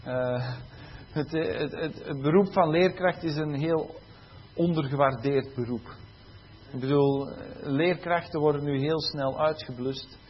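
A man speaks in a rather high voice, telling a church story in a loose, conversational way and playing the voices of his pupils as he goes. The recording is a little dull, with a faint room hum behind him. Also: measured pace. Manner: conversational, acts out quoted pupils. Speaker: teacher and preacher. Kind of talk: sermon testimony.

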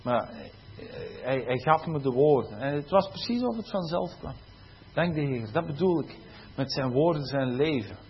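A man's voice: a little high, lively intonation, normal speed, muffled recording. A man, a teacher giving a conversational sermon testimony and acting out quoted pupils. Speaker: teacher and preacher.

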